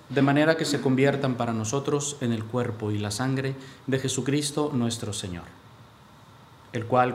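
A male priest leading the prayers of a Mass with steady, solemn recitation, his voice carried by the echo of a large church. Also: medium pitch. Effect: cathedral echo. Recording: echoey church with faint background hiss.

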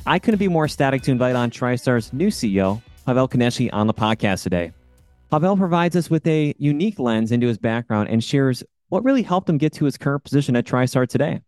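A man's voice: mid-range voice, very animated, quick pace, darkish tone, no echo, clean studio sound, faint music behind. A man hosting a podcast who opens the show with eager, upbeat energy and then asks interview questions. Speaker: podcast host.

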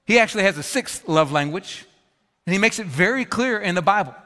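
A man preaching to his congregation in a church auditorium. His voice sits high and sounds bright and forceful. He talks in an easy, conversational way and acts out small everyday scenes with humor, and the sound carries the long echo of a big hall. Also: animated, a little fast. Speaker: pastor. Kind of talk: sermon. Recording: long reverb of a large hall.

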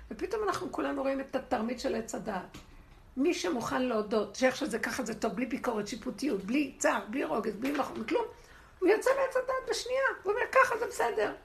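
Woman, high and gravelly, lively religious teacher, laughs through her points. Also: a little hiss or hum. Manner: expressive, laughing, rhetorical. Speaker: spiritual teacher. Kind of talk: animated religious lesson to a women's group.

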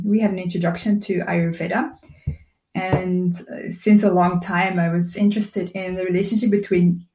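A woman's voice: fairly low pitch, mellow. A woman from Belgium, an Ayurvedic practitioner, telling her story as an interview guest in a thoughtful, hesitant way. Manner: thoughtful and hesitant, many ums and restarts. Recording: roomy echo.

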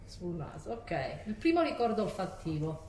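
A woman's voice: fairly low pitch, big pitch swings, moderate pace, mellow. A woman, hosting a casual interview. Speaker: interviewer and host. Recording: echoey room, faint background noise.

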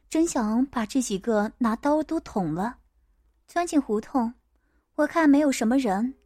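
A woman narrating a first-person audiobook story in a steady, plain way. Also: high-pitched, no room sound, clean studio sound.

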